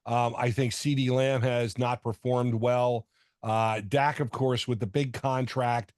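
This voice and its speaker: A man's voice: medium pitch, little pitch movement, a little slow, a little mellow, dry recording, clean studio sound. A man co-hosting a fantasy football show in casual sports talk, rambling and often stumbling over and repeating words.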